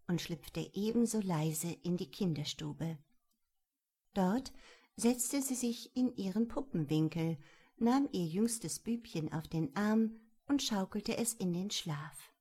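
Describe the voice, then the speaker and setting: A woman narrating a children's storybook in a measured, gentle storytelling manner. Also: medium pitch, slightly rough. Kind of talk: storybook reading.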